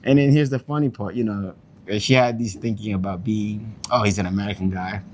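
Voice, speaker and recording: A man's voice: fairly low pitch, fairly even intonation, fairly quick, slight background noise. A young man from Queens, chatting casually in an interview and acting out the quotes in his stories. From Queens, New York. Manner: loose storyteller, acts out quotes.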